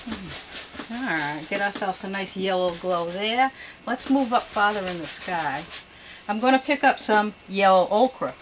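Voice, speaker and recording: A woman giving an unscripted painting demonstration as a gentle instructor, with homely, folksy, chatty asides. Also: medium pitch, lively intonation, unhurried, background noise. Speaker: painting instructor and show host.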